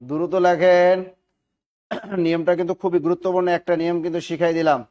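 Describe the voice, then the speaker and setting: A Bangladeshi man teaching a spelling class, dictating rules and repeating questions and answers for students to write down, now and then clearing his throat. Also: a little high, flat delivery, very fast, darkish tone, highs cut off. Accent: Bangladeshi Bengali. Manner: repetitive, drilling, asks and answers his own questions.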